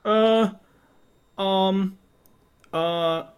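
A man's voice: high-pitched, steady tone, extremely slow, clean tone. A young man with a Taiwanese Mandarin accent, co-hosting a podcast and trading playful, teasing banter. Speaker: podcast co-host. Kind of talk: casual chat.

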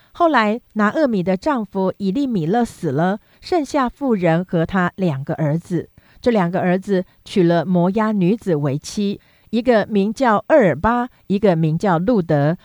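Sex: woman. Role: scripture reader. Style: steady, measured scripted narration. Pitch: mid-range. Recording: dry and close. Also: dry recording. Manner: steady, even, measured reading.

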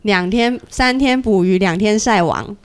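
A woman from Taichung with a Taiwanese Mandarin accent, co-hosting a casual podcast chat with short, relaxed, playful replies. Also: medium pitch, unhurried, clean tone. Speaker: podcast co-host, therapist.

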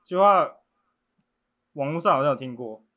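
Teasing podcast host. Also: male voice, fairly high pitch, animated, moderate pace, fairly bright tone. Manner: teasing, goading. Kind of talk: casual podcast chat.

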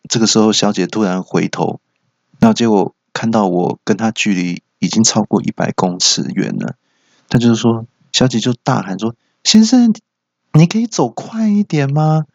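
A man's voice: fairly low pitch, gravelly, no room sound, muffled recording. A middle-aged man, hosting a comic storytelling monologue and acting out dialogue in raised voices. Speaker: host.

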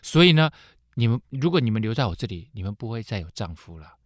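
A man voicing a grieving elderly widow who pleads slowly and sorrowfully with her daughters-in-law. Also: lowish voice, very animated, dry recording, studio quality. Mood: sorrowful pleading.

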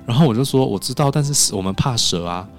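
A man telling stories in a casual podcast chat in a recording studio, animated and acting out the other people's lines. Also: mid-range voice, fast, soft background music. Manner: animated, acts out quoted dialogue.

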